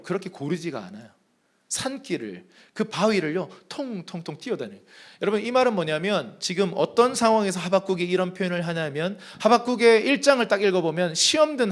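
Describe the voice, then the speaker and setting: In a church sanctuary, a male pastor preaches a sermon in a high voice that sits bright. His pitch constantly leaps and dips as he presses each point emphatically, and he leads the congregation in reading aloud with him.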